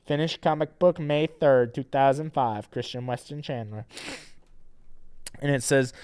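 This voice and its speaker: Deadpan man rambling through a comic. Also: mid-range voice, measured pace, clear, resonant tone, dry recording, clean studio sound. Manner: deadpan, rambling, repeats "and then". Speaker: streamer. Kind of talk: reading a comic aloud.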